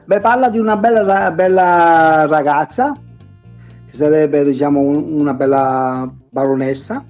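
A man heard through an online call line, the sound dull and lo-fi. His voice sits a bit high for a man. He talks hesitantly as a guest, with many fillers and restarts. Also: unhurried, darkish tone, faint music behind. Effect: heard over an online call line, dull and lo-fi. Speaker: guest songwriter. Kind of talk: casual interview over a call. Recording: muffled lo-fi call audio.

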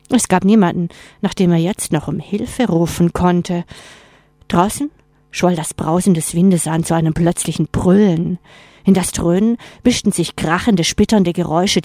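A woman reads a horror story in a measured, suspenseful delivery. Her voice is lowish, husky and very unhurried. Faint music plays under a dry, close recording. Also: darkish tone, dry recording. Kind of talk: scripted horror story narration.

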